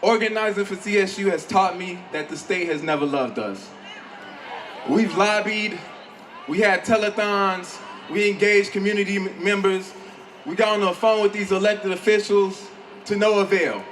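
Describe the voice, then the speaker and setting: A man from Chicago giving an impassioned rally speech, often shouting and repeating phrases for rhetorical effect. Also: high voice, moderate pace. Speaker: community organizer. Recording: noisy rally with loud crowd.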